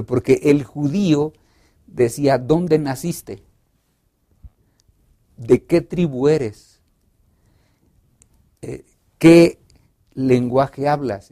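A male pastor explaining a Bible study lesson in a lively conversational way, acting out short dialogues. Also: medium pitch. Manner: expressive teacher, acts out dialogue, many restarts.

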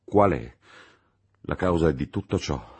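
A man's voice: extremely low pitch, expressive, takes it slowly, darkish tone, slightly rough, pitched below the performer's own voice, exaggerated voice. A man voicing an alarmed, caring young male friend who speaks urgently and pleadingly.

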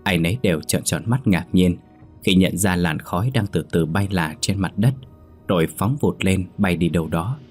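A man narrating a scripted ghost story in a measured, dramatic way. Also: sits low, a little mellow, breathy edge, faint music behind.

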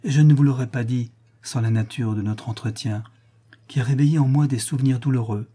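Man voicing melancholy noble prince, solemn, sorrowful, dark husky tone. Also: mid-range voice, a little fast, natural voice. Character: grieving middle-aged prince, noble and melancholy. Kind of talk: audiobook reading.

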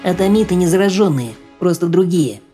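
A man voicing an eerie, detached mutant infant creature with a thin, squeaky, childlike voice in an audiobook. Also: a little fast, slightly rough, faint music behind. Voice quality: squeaky, piping. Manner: flat, detached, terse. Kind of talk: audiobook character voice.

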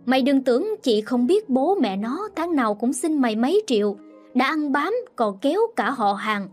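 A woman voicing a sharp-tongued, scornful sister-in-law who scolds loudly, in a storybook reading. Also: sits high, lively intonation, normal speed, soft background music. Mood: scornful, scolding. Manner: loud, mocking and scolding.

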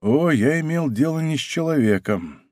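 A man voicing a bold young male musketeer who gives quick, commanding orders. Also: fairly high pitch, expressive, a little mellow, dry recording, studio quality, close to an everyday voice. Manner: brisk, commanding.

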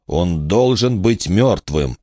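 A man's voice: sits low, slow, dry recording, studio quality. A man voicing a cold, ruthless older man who breathes heavily and wheezes. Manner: cold, flat.

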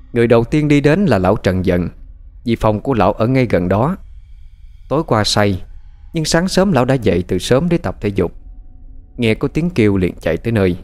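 A man narrating a scripted horror story with lively, dramatic delivery. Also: fairly low pitch, moderate pace, long pauses. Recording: faint music behind.

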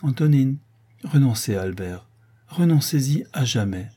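A man voicing a grave, sorrowful young woman who speaks gently and hesitantly, in an audiobook. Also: medium pitch, lively intonation, normal speed, husky.

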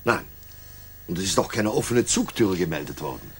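An actor playing a matter-of-fact, deferential police inspector in a 1960s German radio drama, speaking formally and factually. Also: male voice, deep voice, sing-song, normal speed, slightly rough, exaggerated voice.

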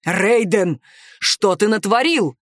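A woman's voice: medium pitch, animated, slow, no echo, clean studio sound. A woman reading aloud and voicing a stern, commanding werewolf clan chief who barks orders. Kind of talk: audiobook character voice.

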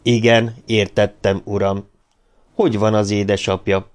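A man reading the part of a loyal humanoid robot, calm and deferential. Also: on the low side, natural voice. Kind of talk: audiobook dialogue reading.

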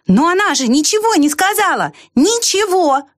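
Lady putting on a shrill little lark guy, high and insistent, calling out, storybook. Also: very animated, normal speed, dry recording, studio quality. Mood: indignant. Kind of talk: storybook reading.

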